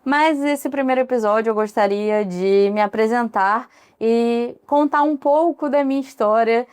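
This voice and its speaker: A woman's voice: on the high side, unhurried, a little mellow, smooth. A Brazilian woman in her thirties hosting a casual solo podcast, chatty and digressive with frequent asides. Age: 30s. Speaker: podcast host.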